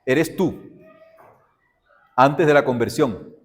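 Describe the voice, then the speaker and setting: Animated man teaching theology. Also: mid-range voice, slow, big-room sound. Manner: animated storytelling, addresses students directly. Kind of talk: classroom lecture with acted examples.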